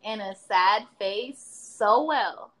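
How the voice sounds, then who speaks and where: A woman chatting casually about a former coworker, telling lively stories and acting out what was said. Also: mid-range voice, very slow, rough recording. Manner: animated storyteller, acts out quotes. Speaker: former supervisor. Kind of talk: casual chat.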